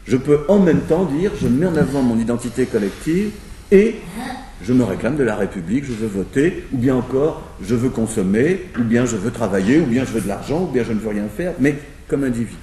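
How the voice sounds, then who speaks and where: A male sociologist who lays out his argument aloud, pausing and restarting as he thinks it through. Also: mid-range voice, expressive, dark tone, echoey room, far from the mic, slight background noise. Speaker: sociologist in a discussion. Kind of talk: spoken lecture-style argument.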